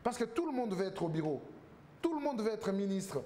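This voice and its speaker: A man's voice: high-pitched, big pitch swings, brisk, mellow. A man, a political guest on a TV talk show, arguing emphatically with rhetorical questions and repeated words. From Congo.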